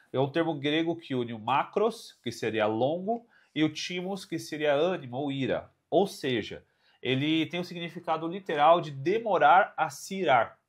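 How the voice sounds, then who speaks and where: Male Brazilian podcast co-host, lisping and tongue-tied, mid-pitched, informal halting Bible teacher. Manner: explanatory, halting, often seeking agreement.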